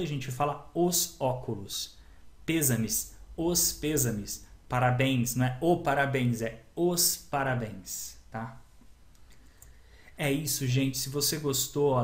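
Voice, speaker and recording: A man's voice: mid-range voice, roomy sound. A man teaching a video grammar lesson, explaining step by step, repeating key words and checking in with his viewers.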